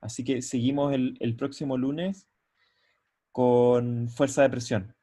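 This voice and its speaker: A man's mid-range, dark voice stays level as he gives an online university lecture through a computer mic on a video call. He explains step by step and often checks on his students, though his speech is halting and he restarts sentences while thinking.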